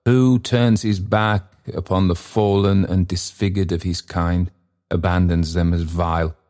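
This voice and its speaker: An unearthly bell spirit passes solemn judgment in a deep, low voice, played by a man. It speaks slowly and gravely, laying out its accusations one by one. The tone is stern and unyielding, with the weight of a verdict. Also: level tone, darkish tone. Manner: stern, grave, measured pronouncements.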